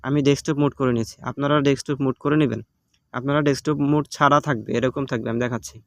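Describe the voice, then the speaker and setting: Speaking fast in a steady, creaky, medium-pitched voice, a man with a Bangladeshi Bengali accent hosts a casual app tutorial recorded on his phone. He explains each step patiently and repetitively, leaning on many fillers.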